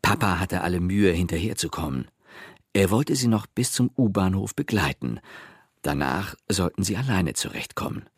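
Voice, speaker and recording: Deep husky male storyteller. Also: no room sound, studio quality. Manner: lively, expressive storytelling. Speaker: narrator. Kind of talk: audiobook narration for children.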